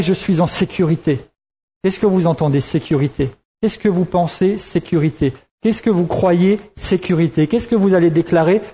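A man's voice: fairly high pitch, mellow. A man preaching a sermon in a conversational way, repeating key words for emphasis, with frequent restarts.

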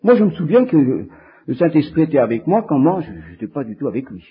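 A man preaching a sermon, animated and repeating phrases for emphasis. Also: on the high side, fast, breathy edge, phone-quality sound.

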